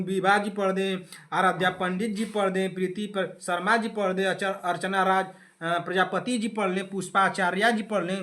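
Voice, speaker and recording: A man with a high, bright voice teaches an online exam class in with a tinge. He scolds his students in a playful, sarcastic way and repeats his points over and over. He talks straight into a close mic.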